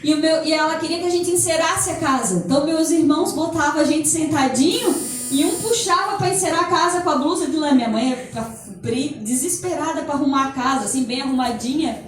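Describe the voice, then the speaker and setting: High-voiced woman in echoey hall. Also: brisk, recorded from a distance, a little hiss or hum. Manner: lively, acts out inner voices, laughs often. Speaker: speaker at a holistic center. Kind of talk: motivational talk.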